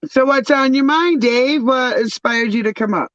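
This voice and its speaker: A man's voice: extremely high pitch, normal speed, a bit bright, muffled recording. A man co-hosting a casual chat, talking earnestly with plenty of "like"s. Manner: earnest, talks with many "like"s. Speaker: co-host.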